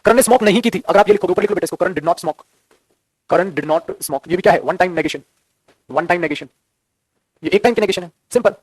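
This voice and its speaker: Man, grammar tutor; rapid, husky, drills points by repetition and rhetorical questions. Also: high-pitched, a little mellow, no echo. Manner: addresses students as beta, repeats key phrases, asks and answers his own questions. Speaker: English grammar teacher. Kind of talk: classroom grammar lesson in Hindi.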